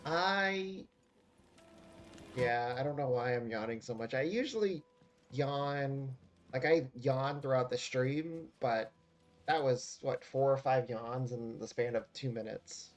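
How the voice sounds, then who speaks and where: A man's voice: mid-range voice, moderate pace, soft background music. Chatty, joking male game streamer. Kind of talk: casual let's-play commentary. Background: game audio.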